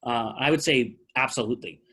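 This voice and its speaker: Husky yet fairly bright, his mid-range voice moves a little fast. He's hosting a video-call talkback after a theater performance, chatting conversationally and thinking aloud while fielding questions in casual Q&A.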